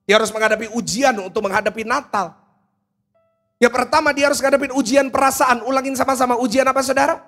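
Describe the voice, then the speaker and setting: A pastor preaching a humorous, storytelling sermon to a large church congregation, speaking directly to the listeners. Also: male voice, extremely high pitch, steady tone, quick pace, a bit bright, soft background music.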